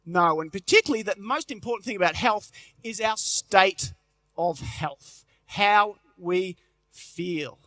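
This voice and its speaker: Aussie guy, middle-aged, on stage telling jokey stories, pretty high voice, dry close sound. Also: expressive, unhurried, bright, forceful tone, no echo. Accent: Australian. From Australia. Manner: jokey storytelling, punchy delivery. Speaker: motivational health speaker. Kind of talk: live conference speech. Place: large convention hall stage.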